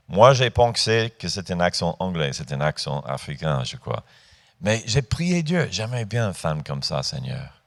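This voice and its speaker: A man in his fifties preaching a sermon in a church, talking informally with hesitations and rising to emphatic points. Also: sits low. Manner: rises to emphatic, lifted delivery on key points.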